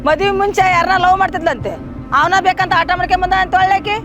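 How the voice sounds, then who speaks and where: A woman's voice: extremely high pitch, fairly even intonation, fast talker, highs cut off, music in the background. A woman playing a gossiping old village grandmother, insistent, with a North Karnataka Kannada accent. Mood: gossipy. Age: older. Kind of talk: short film acting.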